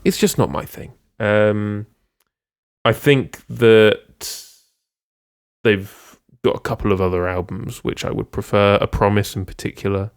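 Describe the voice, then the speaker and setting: A man's voice: on the low side, a little slow, gravelly, clean tone, dry recording, studio quality. A man co-hosting a casual music podcast, rambling with many ums and restarts. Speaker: podcast co-host.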